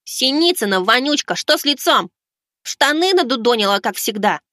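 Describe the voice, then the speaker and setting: A man's voice: very high-pitched, lively intonation, normal speed, pushed and bright, dry recording, studio quality, voice pushed up, exaggerated voice. A man voicing a mischievous young schoolboy who mocks and taunts a classmate. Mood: teasing. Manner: mocking, taunting.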